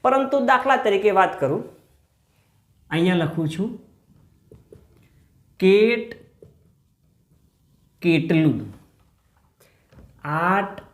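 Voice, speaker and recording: A man's voice: sits high, expressive, extremely slow, pauses often, echoey room. A male school teacher giving a grammar lesson. He calls his listeners friends, asks questions and answers them himself, and stretches out key words.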